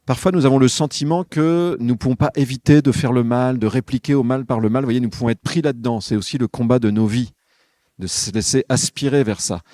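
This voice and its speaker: A man's voice: medium pitch, a little fast, mellow, no echo. A man giving a reflective spoken homily for a podcast, talking with listeners directly in a conversational way. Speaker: podcast speaker on spiritual life.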